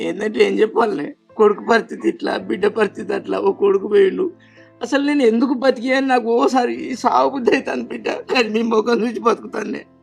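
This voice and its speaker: A man playing a worn, anguished older father with a Telangana Telugu accent. His voice sits very high for a man and rasps with gravel. He pours out quick, pleading laments in a family drama with soft music underneath. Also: exaggerated voice. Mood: grieving. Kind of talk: family web drama acting.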